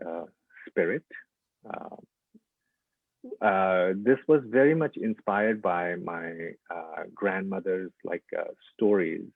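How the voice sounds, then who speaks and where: A man from Nepal, an artist presenting his work, gives an informal lecture with slides in a low, gravelly voice. He speaks haltingly, full of "uh" and "like" fillers. The audio is tinny, dry and phone-like, with no room sound.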